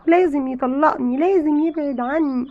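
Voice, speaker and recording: A woman's voice: high voice, normal speed, close to an everyday voice. A woman with an Egyptian accent playing a betrayed, unforgiving young wife who accuses her husband insistently in a skit. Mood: angry. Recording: dull lo-fi with faint noise.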